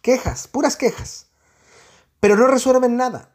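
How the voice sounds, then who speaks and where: A man's voice: very high voice, unhurried. A man with a Mexican accent, a psychologist giving a blunt, sardonic spoken monologue.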